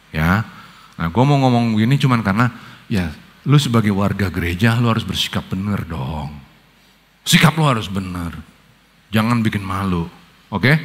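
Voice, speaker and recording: A middle-aged pastor with a Jakarta accent, preaching a casual youth sermon in slangy storytelling, dropping to low murmurs and jumping to high excited bursts. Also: male voice.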